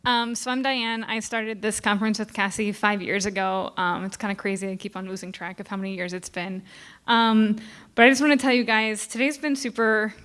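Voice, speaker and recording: A woman's voice: mid-range voice, fairly even intonation, brisk, a bit bright. A woman co-founder giving bubbly, gushing closing remarks full of fillers. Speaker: conference co-founder. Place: conference stage.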